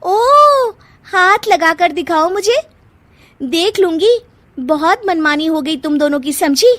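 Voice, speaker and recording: A woman voicing a feisty, defiant young newlywed daughter-in-law in a moral cartoon, quick to argue. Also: sits high, dry recording, faint music behind, voice pushed up, lightly acted. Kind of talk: Hindi moral cartoon voice acting.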